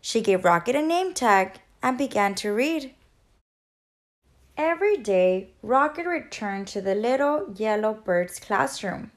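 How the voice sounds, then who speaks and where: A woman teacher reading a children's picture book aloud in an expressive, gentle storytelling manner. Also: on the high side, a little slow.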